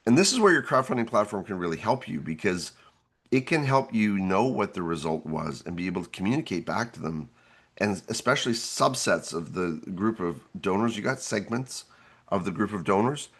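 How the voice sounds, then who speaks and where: A man with a hoarse, gravelly voice presenting an instructional webinar in an earnest, explanatory way. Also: on the low side, lively intonation, normal speed, a bit bright. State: hoarse, gravelly from losing his voice.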